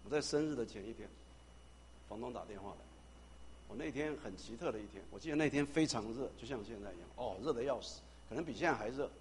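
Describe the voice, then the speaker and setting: A male pastor with a mid-range voice tells a personal testimony during a sermon, speaking fast over slight background noise. An animated storyteller, he acts out the dialogue and sometimes stammers or repeats words.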